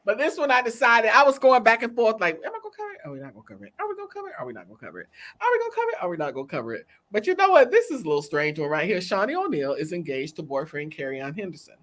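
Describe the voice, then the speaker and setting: A woman's voice: mid-range voice, huge pitch swings, rapid-fire, fairly bright tone. A woman co-hosting a talk show, chatting casually and with animation, laughing and calling out to her audience. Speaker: co-host. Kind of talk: casual chat.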